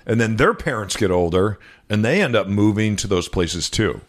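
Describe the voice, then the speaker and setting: Guy with a lowish voice on talk radio, chatty and explaining stuff, midwest roots. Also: lively intonation, moderate pace. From American Midwest. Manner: conversational, explanatory. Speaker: radio show co-host. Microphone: studio microphone.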